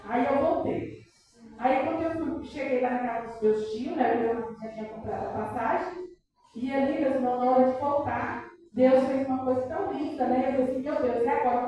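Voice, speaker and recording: A middle-aged Brazilian woman tells her testimony with fervent emotion and often breaks in with praise. Her voice is high but mellow. It rings through a very echoey church hall, heard from a distance. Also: dull audio. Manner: emotional, peppered with praise interjections. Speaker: church member giving testimony.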